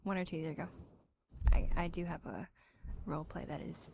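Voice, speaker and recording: Woman, slightly low voice, casual livestream chat, informal, musing, faint background noise and clicks. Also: brisk, creaky, dark tone. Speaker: ASMR streamer chatting with viewers.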